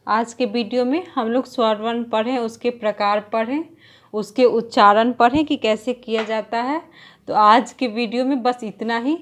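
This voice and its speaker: A woman's voice: fairly high pitch, steady tone, normal speed. A woman teacher giving an exam-prep grammar lesson, explaining step by step and drawing out example sounds while writing on a board.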